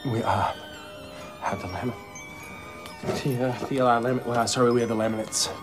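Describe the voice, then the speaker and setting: A man's voice: mid-range voice, level tone, close to an everyday voice. Man acting a tongue-tied, starstruck rock fan over music. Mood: nervous, starstruck. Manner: stammering, halting, tongue-tied. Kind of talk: film comedy dialogue. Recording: background music under film dialogue.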